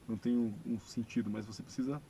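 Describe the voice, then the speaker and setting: Gravelly Brazilian man teaching English. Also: mid-range voice, steady tone, dark tone, slight background noise, poor audio. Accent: Brazilian Portuguese. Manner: patient explaining, slow modeled phrases. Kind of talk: video lesson. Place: church classroom.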